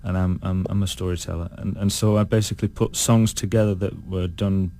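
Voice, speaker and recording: A British man, a singer being interviewed, talking in a thoughtful, halting way full of restarts. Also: deep voice, fairly even intonation, dark tone, no room sound. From United Kingdom. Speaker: guest singer. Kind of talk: casual interview chat.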